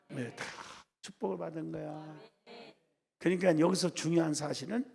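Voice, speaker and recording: A man's voice: on the high side, vocal fry, slightly rough. A man preaching a revival sermon as pastor, constantly asking the congregation to answer back. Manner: preaching with constant call-and-response questions to the congregation. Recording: echoey church hall.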